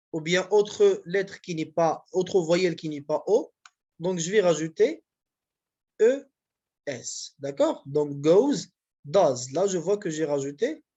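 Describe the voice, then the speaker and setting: A teacher walks students through grammar step by step, at a middling pitch. The delivery is patient and repetitive, with frequent check-ins to make sure everyone is following. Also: a little mellow, lo-fi sound. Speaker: university language teacher. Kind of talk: classroom grammar lesson.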